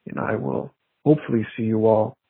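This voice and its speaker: Man caller on a landline voicemail, husky raspy voice, dry tinny phone sound, earnest well-wishing message. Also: lowish voice, sing-song, brisk, no room sound. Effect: heard over a landline phone as a voicemail. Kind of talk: heartfelt voicemail greeting.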